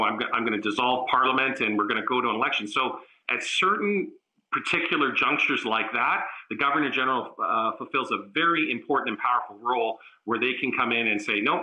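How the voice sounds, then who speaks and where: A man giving a political analysis in a remote news interview, measured and halting, with frequent fillers and restarts. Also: medium pitch, pushed and bright, low-quality recording.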